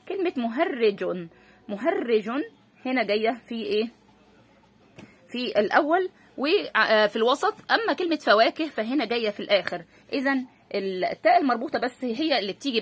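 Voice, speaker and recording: With an Egyptian Arabic accent, a woman teacher patiently leads a spelling lesson for children, posing questions and answering them herself. Her voice is on the high side and husky.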